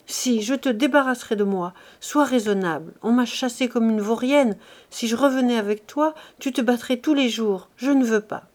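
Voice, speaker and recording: A woman reader gives voice to a tearful thirteen-year-old girl in a storybook reading. The girl is frightened and ashamed, and her voice rises slightly higher and louder as she pleads. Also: moderate pace, close to an everyday voice. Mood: distressed. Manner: pleading and distressed.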